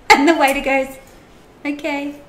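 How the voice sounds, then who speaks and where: A woman's voice: fairly high pitch, fairly bright tone. A woman hosting a casual chat, chatty and giggly. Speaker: host. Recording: roomy with faint noise.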